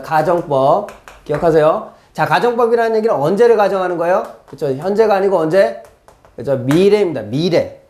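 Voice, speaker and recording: Lively, animated exam-prep lecturer. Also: medium pitch. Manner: acts out quoted lines and asks rhetorical questions. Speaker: exam-prep literature teacher. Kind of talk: recorded classroom lecture.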